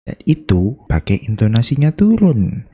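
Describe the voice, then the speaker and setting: A man from Indonesia teaching an English lesson in a casual, chatty way, slowing down to act out example questions. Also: medium pitch, sing-song, warm tone, breathy edge. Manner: chatty, playful, slows down to demonstrate intonation.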